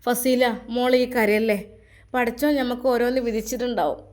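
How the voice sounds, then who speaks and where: Brief: a woman playing a motherly older woman, soft and consoling, storybook. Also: fairly high pitch, fairly even intonation, normal speed, lightly acted. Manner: soothing, motherly. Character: older mother, gentle and pious.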